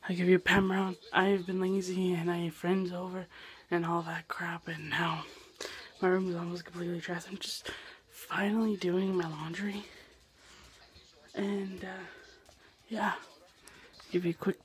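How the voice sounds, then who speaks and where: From his bedroom, a young man vlogs casually on a handheld camera, talking to it at normal speed in a high, flat voice that's wearing out. He rambles and puts himself down.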